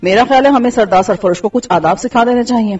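A woman's voice: on the high side, darkish tone, husky. A woman voicing an imperious tyrant ruler. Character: arrogant male tyrant ruler, cold and commanding. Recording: dull distant recording with faint music.

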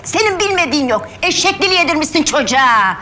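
A woman's voice: high-pitched, expressive, fast talker, bright, forceful tone, a little hiss or hum. An actress playing a blunt middle-aged mother who makes accusations. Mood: accusing. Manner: blunt, threatening, gossipy.

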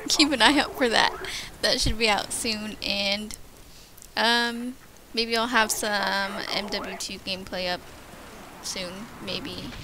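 A young woman giving casual gameplay commentary, rambling with lots of fillers and stumbling over her words, tired from lack of sleep. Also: fairly high pitch. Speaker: gaming commentator. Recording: noisy home recording.

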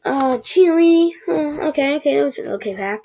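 A woman giving excitable, chatty commentary while opening packs in a video game, often stammering. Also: high-pitched, fairly quick. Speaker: gaming video creator. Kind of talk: casual gaming commentary.

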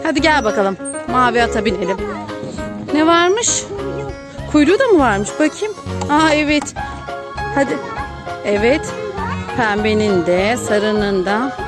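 A woman's voice: fairly high pitch, very animated, unhurried, pauses often, over music. A Turkish-accented woman, a mother filming her small child at an outdoor playground, coaxing him along, counting and cheering in a playful way. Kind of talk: casual chat with a toddler.

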